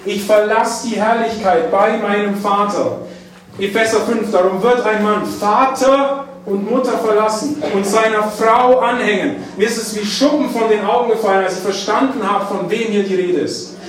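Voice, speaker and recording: A man preaching a sermon, dwelling on key phrases with drawn-out emphasis. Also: high voice, fairly bright tone. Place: church hall. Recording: echoey church hall, mic at a distance.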